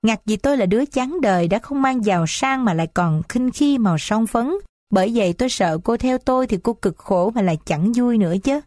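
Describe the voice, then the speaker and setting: A woman's voice: fairly high pitch, lively intonation, fairly quick, darkish tone, dry recording, clean studio sound, lightly acted. A woman voicing a humble, principled poor young man in a read-aloud story, speaking earnestly and formally. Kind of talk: audiobook character reading.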